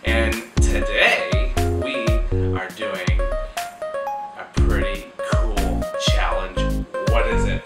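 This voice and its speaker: A young man hosts his vlog in an easygoing, unhurried way, stretching his words slowly. He sounds far from the mic in an echoey room, with loud music underneath. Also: lowish voice. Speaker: vlogger, host. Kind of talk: casual vlog intro.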